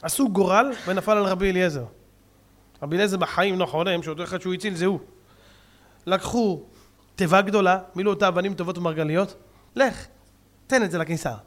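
A man preaching a sermon as a rabbi, with great passion. He swings from fiery outbursts to soft, pleading appeals. His voice sits high. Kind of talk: impassioned sermon.

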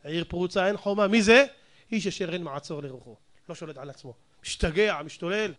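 A man delivering a lively sermon in a strikingly high, bright voice. He keeps up a stream of rhetorical questions and bursts into acted-out shouting to make his points. His delivery is animated throughout. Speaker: rabbi preacher. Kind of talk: Torah sermon.

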